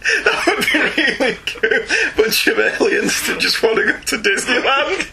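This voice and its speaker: A man's voice: extremely high pitch, measured pace, gravelly, slight background noise. A middle-aged man hosting a podcast, reading listener emails in casual chat and laughing often. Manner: animated, laughs often, reads emails aloud.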